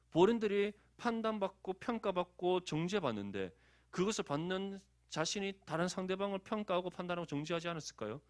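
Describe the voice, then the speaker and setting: A man's voice: high-pitched, no echo, studio quality. A man from Daegu with a Gyeongsang accent, preaching a conversational sermon as pastor. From Daegu, South Korea. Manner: conversational, animated, asks the congregation for agreement.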